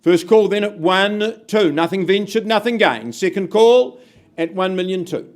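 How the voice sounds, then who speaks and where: Guy doing live auction calls, pretty high voice, punchy counting down the bids to the room. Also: expressive, unhurried. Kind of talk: live property auction calling.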